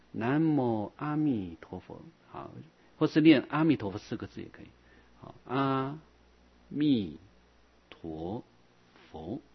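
Husky man giving a patient dharma talk. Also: mid-range voice, highs cut off. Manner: patient, repeats phrases with drawn-out "ah" fillers. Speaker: Buddhist teacher. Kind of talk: dharma lecture.

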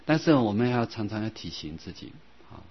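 Low, husky man giving a Buddhist talk. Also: sing-song. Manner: gentle and unhurried, with frequent soft "ha" and "ah" fillers; slow, drawn-out recitation of scripture passages. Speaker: Buddhist teacher. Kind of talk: Buddhist dharma lecture. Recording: dull lo-fi sound.

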